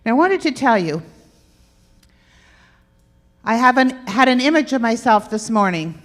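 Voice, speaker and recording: A woman with a somewhat high voice gives a lively workshop talk, teasing and quizzing the crowd as she goes. Her voice echoes through a big hall with a long reverb tail. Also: unhurried. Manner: playful, quizzes the audience. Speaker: health workshop presenter. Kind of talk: interactive talk to an audience. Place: church hall with stage and aisle.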